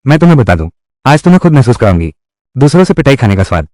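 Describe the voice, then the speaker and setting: A man's voice: medium pitch, big pitch swings, rapid-fire, darkish tone, no room sound, clean studio sound. A man reading all the character lines of a dubbed drama in one voice. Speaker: voice-over reader of a dubbed drama.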